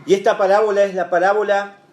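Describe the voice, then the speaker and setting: Quick-paced and flat in delivery, a pastor runs a Bible study in a church hall, leaning on fillers and rhetorical asides. His voice sits high for a man yet has a darkish tone, and a clear echo fills the room.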